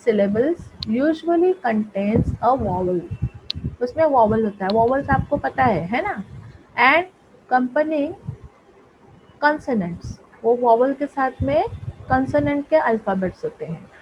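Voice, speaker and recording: Slow-talking teacher woman, high voice. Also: expressive, lo-fi sound, a little hiss or hum. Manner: explains slowly, mixing Hindi and English, checks with pupils. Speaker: English teacher. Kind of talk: online class lesson in Hindi and English.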